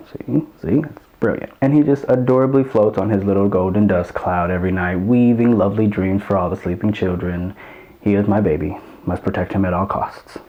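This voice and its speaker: Male host, chatty and playful, warm low voice, muffled recording. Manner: playful, chatty, swears casually. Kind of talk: casual movie commentary.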